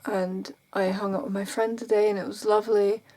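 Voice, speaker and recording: A tired, burnt-out woman talking casually and confessionally in an emotionally drained, halting way, often trailing off mid-thought. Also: mid-range voice, flat delivery, dark tone. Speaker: vlogger. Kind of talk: casual confessional talk to camera.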